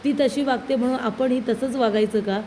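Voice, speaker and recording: A woman's voice: on the high side, steady tone, fairly quick, warm tone, a little hiss or hum, lightly acted. A woman reading out the lines of a sensible wife who reasons and reproaches her husband. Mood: reproachful. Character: sensible wife and mother, calm but firm.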